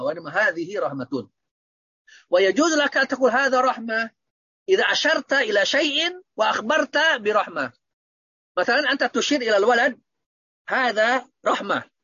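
Here a man runs an online Arabic grammar lesson, repeatedly firing questions at his students. His voice is high, sharp and husky, with no room sound around it, and the recording is dry, dull and lo-fi.

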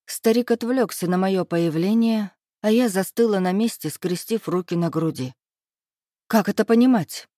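A woman narrating a first-person novel in a lively, sharp-tongued way, with sharp outbursts in character. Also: medium pitch, moderate pace, hardly any pauses, no room sound, clean studio sound. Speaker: audiobook narrator.

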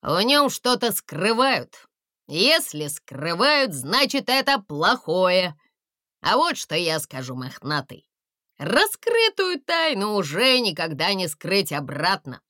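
A woman's voice: mid-range voice, big pitch swings, takes it slowly, pushed and bright, no echo, clean studio sound, full character voice. A woman voicing a gloomy, mysterious forest voice that gives ominous warnings.

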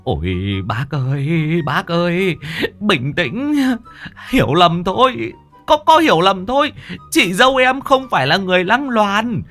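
A man voicing a flustered man who stammers and pleads to calm his raging brother. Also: sits high, a little slow, soft background music, pitched above the performer's own voice, heavily acted. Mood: pleading.

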